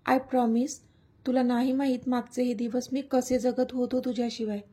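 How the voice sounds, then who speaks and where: A woman's voice: fairly high pitch, level tone, moderate pace, dark tone, husky. A woman reading a tender young lover in a storybook. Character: young man, lovestruck and teasing hero.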